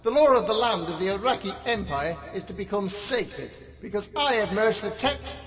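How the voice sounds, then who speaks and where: Casting: man as a bombastic self-crowned god-king, high-pitched, long hall echo. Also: animated, moderate pace, a bit bright, far from the mic. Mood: grandiose. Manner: pompous, bombastic, grandiloquent. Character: pompous tyrant leader declaring himself God. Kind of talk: comedy radio sketch.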